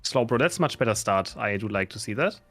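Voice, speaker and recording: A man's voice: fairly low pitch, expressive, quick pace, fairly bright tone, faint music behind. A man co-casting an esports stream in an easygoing way, laughing along with the banter. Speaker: esports co-caster. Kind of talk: casual esports commentary.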